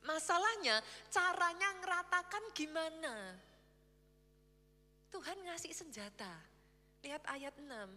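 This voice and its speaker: Woman pastor, very high voice, lively sermon, echoey church hall. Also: unhurried, pauses often, faint music behind. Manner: lively preaching, acts out quoted voices.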